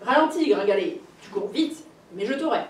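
Lady putting on a big bad wolf, growly and loud, high lively voice, echoey room far from the mic. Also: a little slow. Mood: threatening. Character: big blustering male wolf, hungry and boastful. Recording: roomy library heard from a distance.

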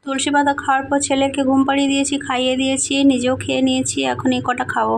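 A young woman from Medinipur chatting softly in a casual home vlog, sleepy and sweaty in the heat. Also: sits high, level tone, rapid-fire, gravelly, a little hiss or hum. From Medinipur, West Bengal, India. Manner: soft, hushed talk so a sleeping child stays asleep. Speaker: vlogger, housewife and mother. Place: small home indoors. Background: background music.

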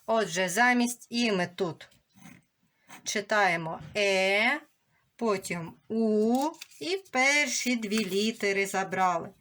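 A young woman teaching a remote lesson to young schoolchildren, slowly and clearly sounding out words and letters. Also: mid-range voice, fairly bright tone.

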